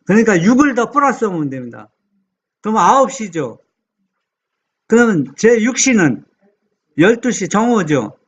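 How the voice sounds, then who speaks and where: A pastor preaching a sermon, reading scripture slowly and putting questions to the congregation. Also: male voice, high-pitched, big pitch swings, slightly rough. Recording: dull lo-fi sound.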